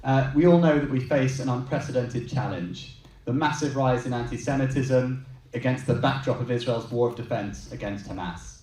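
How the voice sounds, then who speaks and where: A man's voice: medium pitch, moderate pace, darkish tone. A man giving a prepared, earnest campaign speech as a candidate at a hustings. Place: large hall with an audience. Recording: echoey hall from far off.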